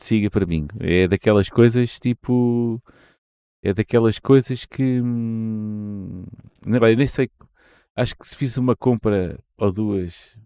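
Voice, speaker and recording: Portuguese guy from portugal, creaky mellow voice, rambly slangy podcast chat. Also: fairly low pitch, no room sound. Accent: European Portuguese. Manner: rambling, slangy, often restarting sentences. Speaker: podcast co-host. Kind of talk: casual chat about the games industry.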